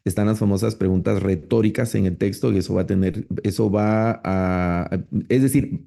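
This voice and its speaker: A middle-aged man, giving a relaxed, conversational online lecture on preaching with frequent rhetorical tags. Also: lowish voice, normal speed, vocal fry. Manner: relaxed, explanatory, with many fillers and rhetorical tags. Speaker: preaching course instructor.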